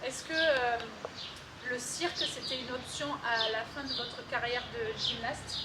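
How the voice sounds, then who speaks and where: A young woman with a high voice hosts a chatty, playful vlog interview outside by a swimming pool. Steady outdoor noise sits behind her. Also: a little slow. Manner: playful, chatty, jokes around. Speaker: host.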